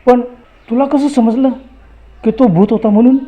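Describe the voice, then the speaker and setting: A man voicing a kindly older villager asks questions and coaxes in a fairly high, mellow voice. He talks in a friendly, persistent way, in a spoken ghost story. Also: steady tone, moderate pace. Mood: curious. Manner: questioning, coaxing. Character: older male village passenger, kindly and curious.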